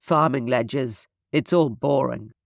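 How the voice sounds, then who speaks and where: The narrator reads a weary king, straight-backed and stiff. He keeps a flat, formal tone at an ordinary pitch. Dry, close sound. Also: a little slow, gravelly, no echo.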